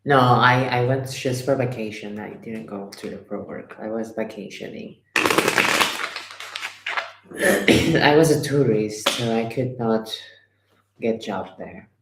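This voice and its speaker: A man's voice: mid-range voice, slow pace, pauses often. Rambling man in an echoey room. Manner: rambling, repeats himself, simple phrasing. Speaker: live stream host. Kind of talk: casual storytelling. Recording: echoey room, faint noise.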